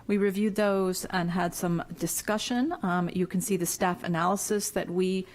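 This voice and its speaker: A woman on city planning staff presenting a memo at a public board meeting, measured and careful, with frequent fillers. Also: fairly low pitch, little pitch movement.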